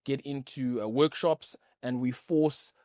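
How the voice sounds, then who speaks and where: A man's voice: mid-range voice, fairly even intonation, a little slow, darkish tone, no echo. A man from South Africa with a mid-range voice co-hosts, walking through an example step by step and doubling back on words now and then. The sound is dry and close. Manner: explains with examples, repeats words. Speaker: podcast co-host. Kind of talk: explanatory chat.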